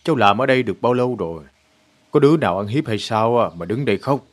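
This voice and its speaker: A man's voice: medium pitch, expressive, lightly acted. A man playing a fatherly old landowner. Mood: gentle. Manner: measured, fatherly questioning. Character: wealthy older landowner, gently questioning.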